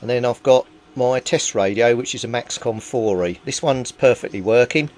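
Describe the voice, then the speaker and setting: At a small workbench at home, a British hobbyist repairer talks through his work in a methodical, informal way. His voice is medium-pitched and slightly dark, at a normal pace, and the home recording is noticeably noisy.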